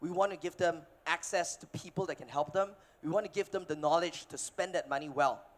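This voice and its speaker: A man in his thirties from Malaysia, giving a casual, energetic keynote on a conference stage with filler words and restarts. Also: on the high side, fairly quick. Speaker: keynote speaker, investor. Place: conference stage before an audience.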